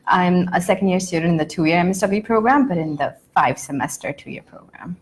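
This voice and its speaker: A woman from India speaks on a student panel in a thoughtful, earnest way. Her voice sits on the low side, with a faint hum behind her. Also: brisk. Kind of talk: answering panel questions.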